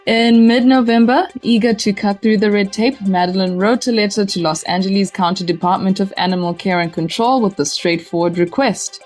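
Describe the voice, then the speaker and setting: A woman's voice: mid-range voice, normal speed, hardly any pauses, a little mellow, soft background music. A woman from South Africa hosting a casual podcast, upbeat and laughing often. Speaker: podcast host.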